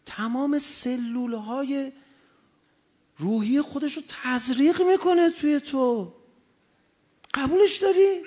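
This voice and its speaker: Male preacher, gravelly, high-pitched, impassioned delivery swinging loud to soft. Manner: impassioned, swings from loud exhortation to quiet anecdote. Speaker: cleric. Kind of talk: sermon.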